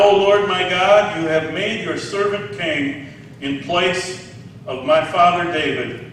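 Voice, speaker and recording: Recorded from afar in a big, reverberant hall, a pastor in his sixties talks through his sermon in a conversational way and quizzes his audience. His voice sits high and a bit bright, with slight background noise.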